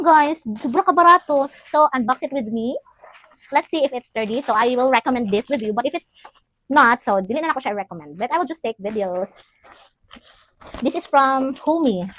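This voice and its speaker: A chatty, upbeat woman with a Cebuano accent talks through an unboxing at home, switching freely into English. Her voice sits a little on the high side, bright and friendly. It has the easy flow of a casual home vlog. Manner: chatty, upbeat, mixes English with local speech. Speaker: vlogger.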